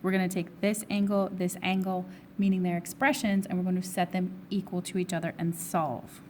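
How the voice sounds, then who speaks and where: A woman teacher with a hoarse, fading voice, working step by step through a recorded math review and asking herself questions before answering them. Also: fairly low pitch, flat delivery, fairly quick, a little mellow, slight background noise. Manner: steps through problems, asking and answering her own questions. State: hoarse, losing her voice, with coughs. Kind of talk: recorded test review lesson.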